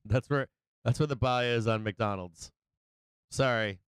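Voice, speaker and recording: A man's voice: medium pitch, a little slow, a bit bright, smooth, no room sound, clean studio sound. A man hosting a live trading show with casual, blunt, profane and slangy commentary, often joking as he goes. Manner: jokey, chuckles often at own remarks. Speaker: host of a live stock market show.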